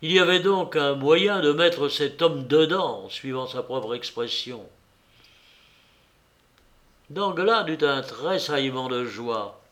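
Guy reading a novel out loud, slow and calm, kinda high voice for a man. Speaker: audiobook reader.

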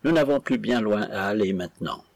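A man voicing a timid, kind young seamstress who speaks softly and slowly. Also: lowish voice, lively intonation, gravelly, dry recording. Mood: gentle. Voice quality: soft, slow, kind.

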